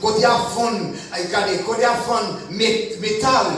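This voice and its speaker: A man preaching a sermon, repeating a short blessing between phrases and building to loud, chanted repetitions, recorded in a church sanctuary. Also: sits high, fairly even intonation, a little slow. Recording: very echoey church from far off.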